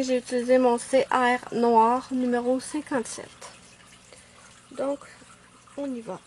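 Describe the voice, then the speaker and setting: A woman chatting casually at home through a nail art tutorial, self-mocking and quick to apologize. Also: sits high, a little mellow, slight background noise.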